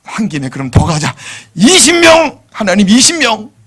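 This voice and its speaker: A man acting out the elderly patriarch Abraham haggling and pleading with God, in a high excited voice. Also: moderate pace, slightly rough. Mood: eager. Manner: high, loud and excited, then soft pleading. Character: aged patriarch Abraham bargaining eagerly with God. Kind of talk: acted quote in a sermon.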